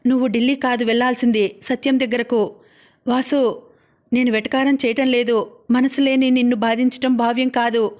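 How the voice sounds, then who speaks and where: A woman's voice: fairly high pitch, darkish tone. A woman narrating an audiobook of a novel, reading all the characters' lines in her own voice.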